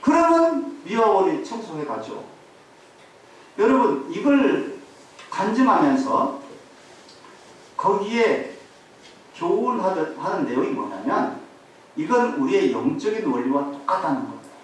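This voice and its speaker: A male pastor preaching a sermon to his congregation, telling a story in an animated way and asking the listeners rhetorical questions. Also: sits high, a little slow, long pauses, recorded from a distance. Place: church sanctuary. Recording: very echoey hall, voice off-mic, faint hiss.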